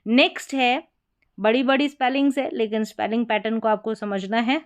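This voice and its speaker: Clear-voiced woman teaching spelling patterns. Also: a little high, steady tone. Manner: slow, patient letter-by-letter spelling out; repeats words and checks in with short affirmations. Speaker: English reading teacher. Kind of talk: explaining spelling patterns step by step.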